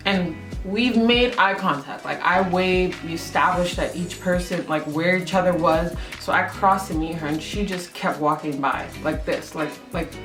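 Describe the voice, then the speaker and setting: A young woman tells a casual story in a somewhat low voice, stringing her thoughts together with plenty of "like" and "um." The room around her is echoey. Music plays clearly underneath her. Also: normal speed, hardly any pauses. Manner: chatty, lots of "like" and "um", acts out quotes. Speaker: photographer vlogger. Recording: roomy echo with music underneath.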